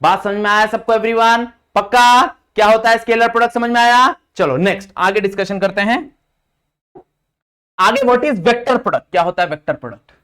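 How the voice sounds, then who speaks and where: A man's voice: high-pitched, a bit bright, smooth. A young man teaching a physics lesson in Hindi with English terms, repeating each point and quizzing his students. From India. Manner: slows sharply on English formula lines. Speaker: physics tutor. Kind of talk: classroom lecture mixing Hindi and English.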